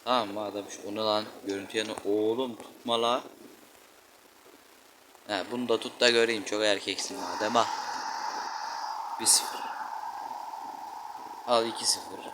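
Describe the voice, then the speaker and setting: A man's voice: fairly low pitch, steady tone, measured pace, pauses often, background noise. A man giving casual, slangy commentary on a football video game, grumbling and exclaiming at every play. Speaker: gaming channel host. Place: room indoors, playing a football video game. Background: children shouting outside.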